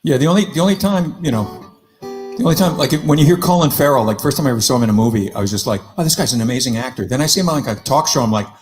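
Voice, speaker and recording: A man, a guest musician, chatting casually between songs and swearing freely in quick bursts. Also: mid-range voice, lively intonation, music in the background. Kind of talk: singing with guitar and casual chat.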